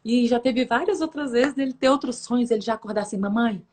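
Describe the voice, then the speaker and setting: A high-pitched woman tells a personal faith story in a casual, animated way. She swings her pitch widely as she acts out each quoted voice. She laughs often as she talks. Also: fast. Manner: laughs often while telling.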